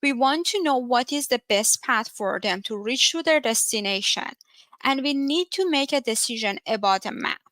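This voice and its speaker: A woman's voice: a little high, expressive, normal speed, a bit bright, no echo. A woman from Iran with an Iranian accent, a research scientist giving an earnest technical talk at a virtual developer event, with frequent fillers. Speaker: conference speaker, research scientist. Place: home, via video call.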